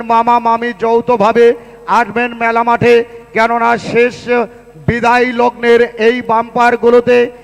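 Booming high-pitched Bangladeshi prize announcer, echoing PA. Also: male voice, gravelly, clear, resonant tone, dull audio. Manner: booming, showman-like prize announcer, drawn-out calls and rhymes. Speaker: lottery draw announcer at a fair. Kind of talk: live prize draw announcing. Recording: echoing PA with long reverb.

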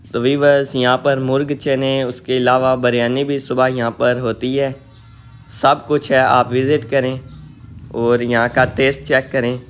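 A man's voice: mid-range voice, little pitch movement, unhurried, smooth, faint music behind. A man from Pakistan narrating a food vlog, speaking directly to his viewers and promoting the restaurant. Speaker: food vlogger. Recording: loud background noise.

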